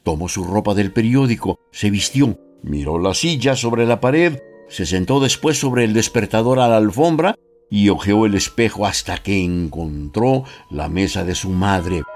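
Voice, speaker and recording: A low-voiced Mexican man reads a story aloud for radio, lingering on words to draw them out. His delivery is lively and rises and falls widely. Soft music plays faintly under his voice. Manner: measured, expressive, slowing for emphasis. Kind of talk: expressive storybook narration.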